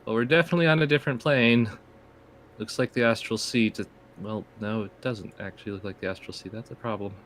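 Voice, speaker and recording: A man's voice: on the low side, fast, fairly bright tone, a little hiss or hum. A man working as game master, improvising descriptive narration for a tabletop role-playing game.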